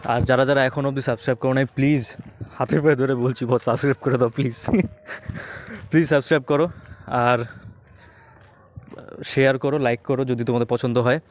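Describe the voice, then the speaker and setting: A man's voice: medium pitch, fairly even intonation, a little fast, long pauses. A young man, vlogging casually and enthusiastically while out on the streets, often slipping into English phrases. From West Bengal, India. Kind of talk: casual walking vlog. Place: outdoors on streets, partly at night. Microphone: handheld phone camera. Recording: loud outdoor street and wind noise.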